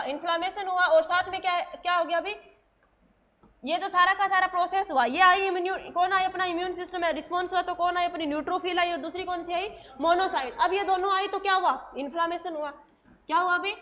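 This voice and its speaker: High-voiced woman teacher drilling a class. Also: a bit bright, lo-fi sound. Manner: repeats questions and answers them herself, drilling students. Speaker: nursing coaching teacher. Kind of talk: classroom lecture.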